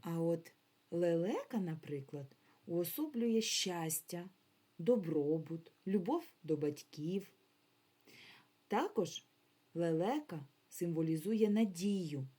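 A woman's voice: low voice, mellow, slightly rough. A woman primary school teacher giving a remote lesson to young children. She speaks patiently and carefully, and stretches words out syllable by syllable. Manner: patient, encouraging instruction.

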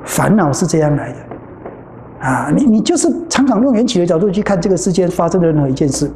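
A Buddhist nun with a Taiwanese Mandarin accent gives a dharma talk in a temple hall. Her voice is lowish and mellow, but it swings widely as she acts out her stories. The sound is roomy, with faint noise behind it. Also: lively intonation, a little fast.

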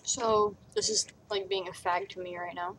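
A woman's voice: mid-range voice, steady tone, moderate pace, background noise. A woman rambling casually in a vlog while eating and coughing, talking with her mouth full. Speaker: vlogger.

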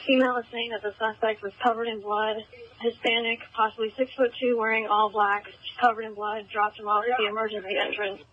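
A woman's voice: on the high side, level tone, brisk, slightly rough. A woman officer giving a terse update over a police two-way radio. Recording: muffled police radio transmission.

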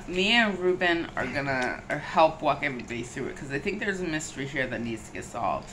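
A woman with a bright, sharp-edged voice, talking in a flat, insistent way and pressing her point over and over. A faint noise sits under the recording. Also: sits low, brisk. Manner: insistent, deadpan, steers back to her theory. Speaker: co-host. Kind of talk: casual chat.

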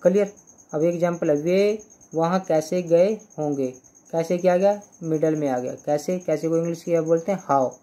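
In a Hindi-language lesson, a young man teaches English grammar, working slowly through example sentences, repeating them, and often asking "clear?" His voice is on the high side, with a warm tone.

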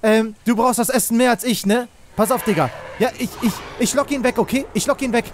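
Ein Mann, der aufgeregt ein Spiel kommentiert, in Panik ruft und fleht und viel Jugendslang benutzt. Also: male voice, very high-pitched, fairly quick, slight background noise. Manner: excitable, shouts and pleads in panic, youth slang. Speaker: let's play host. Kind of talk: excited gaming commentary.

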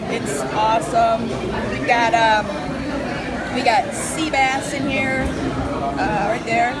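High-voiced chatty woman in a crowded market. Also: takes it slowly. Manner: chatty, excitable, laughing often. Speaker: vlogger. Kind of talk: casual food vlog. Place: busy indoor fish market restaurant. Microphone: phone at arm's length. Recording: loud crowd and music behind. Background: loud crowd and music.

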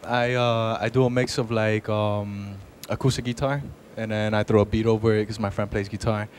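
A man's voice: lowish voice, fairly even intonation, normal speed, slight background noise. A man in his twenties from Venezuela, a guest hip hop artist on an outdoor rooftop, talking in a hesitant, laid-back way full of fillers. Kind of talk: casual interview.

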